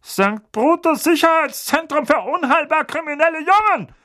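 A fat, bullying uncle who barks and snarls every word, done by an audiobook reader. He pushes his voice up high and loud, stretching the words slowly to threaten. The pitch swings widely from line to line. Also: sing-song. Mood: gruff. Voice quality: snarling, barking. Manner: loud, menacing, drawn-out words. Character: fat bullying middle-aged uncle, blustering.

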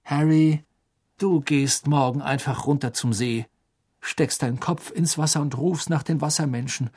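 A man's voice: on the high side, fairly even intonation, a little slow, a little mellow, slightly rough. Ron, a man doing a blunt teen wizard boy. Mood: exasperated. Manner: blunt and offhand. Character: blunt, laid-back teenage wizard boy.

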